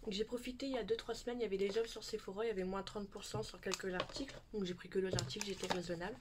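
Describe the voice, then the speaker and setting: A woman's voice: mid-range voice, fairly even intonation, very fast, background noise. A woman in her thirties chatting casually as she shows her beauty purchases in a home video. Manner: chatty, showing products to camera. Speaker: beauty YouTuber. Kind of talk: casual haul vlog.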